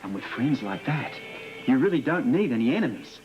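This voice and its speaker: An actor playing a suspicious, insistent man in a television soap, speaking deliberately and probingly, like someone confronting a person with secrets. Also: mid-range voice, big pitch swings, dull audio, natural voice. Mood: probing, accusing. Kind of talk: television soap opera acting. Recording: music under dialogue, old TV soundtrack.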